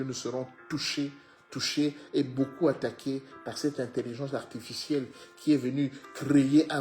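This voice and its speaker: A man preaching a sermon, swinging from loud exhortation to low hushed phrases, often repeating words and addressing listeners as beloved. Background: faint music.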